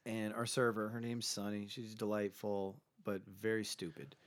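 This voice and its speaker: A man's voice: fairly low pitch, normal speed, a little hiss or hum. A man co-hosting a casual sports podcast, telling a bar story with lots of swearing and acted-out quotes. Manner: animated storyteller, swears freely, acts out quotes. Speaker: podcast co-host; bartender. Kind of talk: casual chat.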